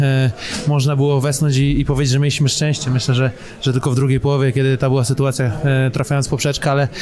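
Halting young man, flat voice. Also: a little high. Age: young adult. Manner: halting, many fillers and restarts. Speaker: footballer. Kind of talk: post-match interview. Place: stadium mixed zone by a sponsor wall. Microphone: handheld broadcast mic.

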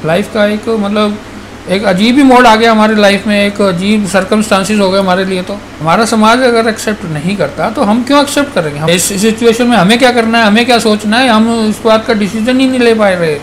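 A middle-aged father scolds his son at home in a stern voice set high for a man. His talk is blunt and threatening, with faint noise around him. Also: fairly quick. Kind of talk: family argument at home. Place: family home indoors.

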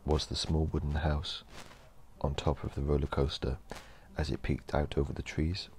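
A man narrating a horror story in a slow, measured storytelling delivery. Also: very deep voice, flat delivery, a little mellow, slight background noise.

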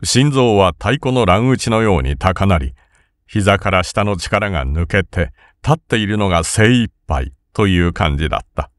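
Male audiobook narrator; low, animated delivery; dry studio read. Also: dry recording. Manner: measured, expressive storytelling. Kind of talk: scripted literary narration.

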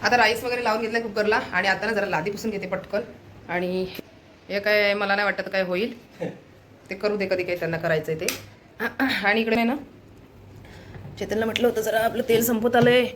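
A young woman talks straight to her viewers while she moves around her home. Her speech is quick and chatty, and a faint household hum sits behind her voice. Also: mid-range voice, steady tone, fairly bright tone. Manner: chatty, addressing viewers directly. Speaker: vlogger. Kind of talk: casual home vlog narration.

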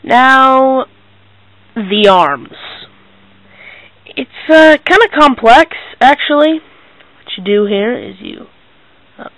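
A teenage boy giving a casual hands-on toy review in a hesitant, halting, low-key way. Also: creaky, a bit bright, no room sound, poor audio. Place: small bedroom, indoors.

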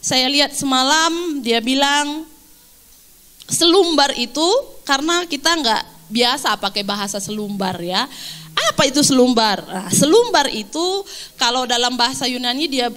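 A woman pastor preaching a sermon, lively and animated, acting out quotes and laughing along. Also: high voice, normal speed.

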